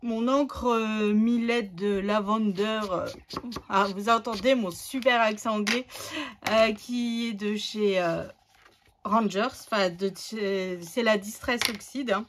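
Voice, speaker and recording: A woman's voice: mid-range voice, slow pace, noisy background. A woman hosting a scrapbooking tutorial, chatting casually and thinking aloud as she works, with many fillers.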